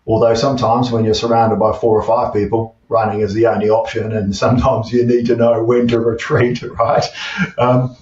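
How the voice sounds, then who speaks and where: NZ-accented guest in his fifties; halting, restart-heavy delivery, heard at a distance with a muffled tone. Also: medium pitch, level tone, darkish tone. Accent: New Zealand. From New Zealand. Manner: hesitant, many fillers and restarts. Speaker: guest, tech CEO. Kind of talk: casual interview chat. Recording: distant, dull, roomy remote audio.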